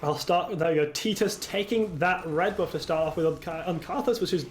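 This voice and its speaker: British streamer-caster, young man, high pitched, chatty with chat, erupts on big plays. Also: brisk, slight background noise. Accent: British English. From Britain. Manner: chatty, reads chat aloud, bursts into excited shouting at plays. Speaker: esports caster. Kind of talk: solo game commentary on a stream.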